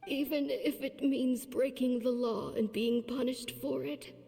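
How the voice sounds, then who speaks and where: A woman's voice: high-pitched, steady tone, creaky, dark tone, big-room sound. A woman voicing an old, ailing mentor doctor in a video game, with an aged, faint, frail voice and a grave, weary manner. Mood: grave, resolute. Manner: slow, grave, deliberate delivery. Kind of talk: video game story dialogue. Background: music.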